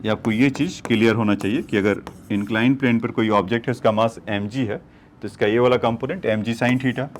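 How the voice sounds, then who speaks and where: A man's voice: on the low side, slight background noise. A male physics teacher working through problems on a board, explaining each step and addressing his students as children. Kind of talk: whiteboard problem-solving lecture.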